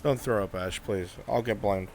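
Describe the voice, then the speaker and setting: A man leading a group in a VR roleplay game improvises in character, commanding and bantering. His voice is lowish and a little mellow, at a normal speed, with rain and music in the background.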